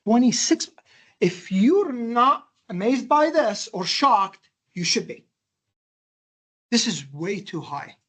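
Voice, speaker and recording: A man from Jordan with a Jordanian accent giving a classroom lecture, animated and emphatic, firing questions at his students. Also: very high voice, slow pace, pauses often. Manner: animated, emphatic, quizzing the audience with rhetorical questions. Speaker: university lecturer.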